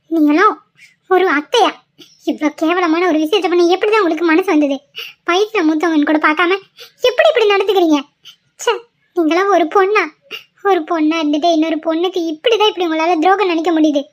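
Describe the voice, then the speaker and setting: A woman's voice: very high voice, fairly quick, pauses often. A woman voicing an emotional young pregnant wife in a cartoon, pleading and often tearful. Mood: indignant. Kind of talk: cartoon voice acting. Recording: dull lo-fi sound.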